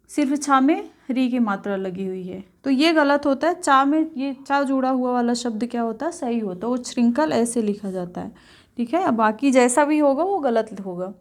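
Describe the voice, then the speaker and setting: A woman with a high voice teaches an exam-prep spelling lesson. She repeats each word slowly and clearly. She keeps checking in with her students as she goes.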